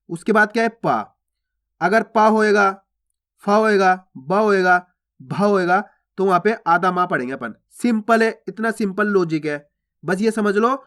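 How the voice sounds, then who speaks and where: High-voiced man teaching reading. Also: fairly bright tone. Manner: repeats each word slowly after asking how to read it; addresses viewers as friends, patient explaining. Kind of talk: step-by-step reading lesson.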